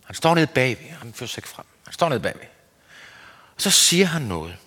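A man giving an earnest, searching sermon as a preacher, his pitch rising and falling. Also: very animated, bright, forceful tone, breathy edge. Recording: long hall reverb.

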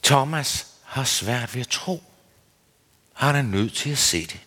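A man giving an earnest, searching sermon as a preacher, his pitch rising and falling. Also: lively intonation, pushed and bright, husky. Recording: long hall reverb.

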